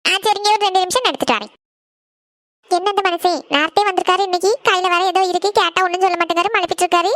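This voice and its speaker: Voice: extremely high pitch, very fast, a bit bright, no room sound. A performer voicing a busy mother who scolds her daughters and questions her husband. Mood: fussing.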